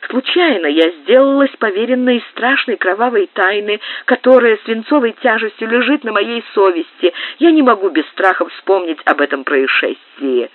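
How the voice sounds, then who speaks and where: A woman's voice: mid-range voice, expressive, normal speed, few pauses, dry recording, voice pushed up, close to an everyday voice. A woman reading an audiobook, voicing a proud, anguished young countess in an impassioned, pleading manner. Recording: tinny narrow-band dry digitized tape.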